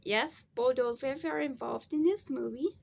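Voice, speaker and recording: A woman's voice: sits high, normal speed, vocal fry, dull audio. A tired, sleepy woman rambling casually through a DVD review, repeating herself as she goes.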